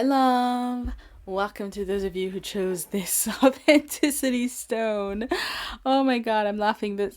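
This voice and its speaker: A woman giving a casual pick-a-card tarot reading, chatty and giggly, often breaking into laughter. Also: on the low side. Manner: giggly, chatty and warm-hearted, with frequent laughs and fillers. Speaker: tarot reader.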